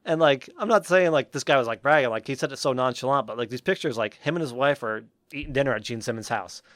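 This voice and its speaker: A man's voice: medium pitch, fast talker, fairly bright tone, dry recording, clean studio sound. A young man from Western Massachusetts co-hosting a podcast, telling a story in a casual chatty way full of "like" and "um". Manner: rambling, many fillers like "like" and "um". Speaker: podcast co-host.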